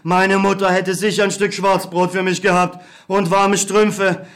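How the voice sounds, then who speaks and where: A man's voice: high voice, flat delivery, measured pace, fairly bright tone. A man playing a weary, bitter young war returnee, tired and hungry, in a radio play. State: exhausted and hungry.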